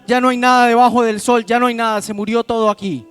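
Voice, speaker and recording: A man's voice: very high-pitched, little pitch movement, fast, a bit bright. A man preaching a pentecostal sermon, calling out to the congregation with questions. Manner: addresses the congregation as "iglesia", asks questions to the crowd. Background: instrumental music.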